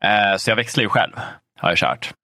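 A man with a low voice and a bright, forceful edge chats casually about games on a podcast. He rambles with lots of fillers and easy swearing, recorded dry and close. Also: lively intonation, no echo. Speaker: podcast co-host.

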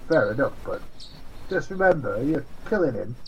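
A man's voice: medium pitch, very animated, normal speed, slight background noise, rough recording. A man playing a tabletop role-playing game, bantering casually in character.

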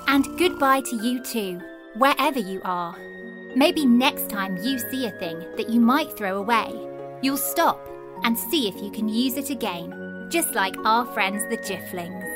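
A woman's voice: a little high, animated, a little slow, over music. A woman hosting a children's story podcast, narrating a scripted tale as storyteller.

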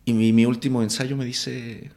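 A man's voice: mid-range voice, moderate pace. A man from Mexico City with a Mexican Spanish accent, telling a story in a casual interview and acting out the voices of the people in it. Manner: animated, acts out quotes, swears casually. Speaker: actor guest.

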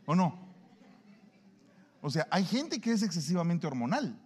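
Male preacher, fairly high voice with lively swings, big hall echo. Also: a little slow, breathy edge. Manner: animated, acts out everyday dialogues. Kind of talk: sermon. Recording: long hall reverb.

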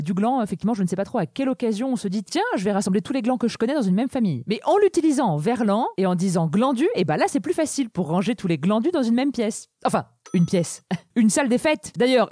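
A woman hosts a comic podcast, talking fast in a playful, mock-scholarly monologue. Her pitch jumps around a lot as she teases the listener. The sound is close and dry. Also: dark tone, dry recording. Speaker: podcast host.

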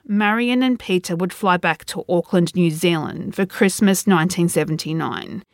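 A woman hosting a podcast, reading a scripted true crime narration in a measured, serious, suspenseful storytelling manner. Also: on the low side, no echo, clean studio sound.

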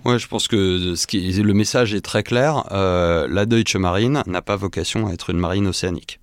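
A man's voice: sits low, clean tone, no echo, clean studio sound. A man talking as a guest researcher in an interview, explaining at length with frequent filler hesitations. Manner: halting, many filler hesitations. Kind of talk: expert analysis in a podcast interview.

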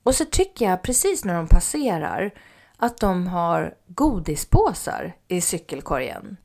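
Woman telling a lively personal story. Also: on the low side, creaky. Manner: animated, acts out quoted speech, drops to near-whispers. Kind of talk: casual spoken anecdote.

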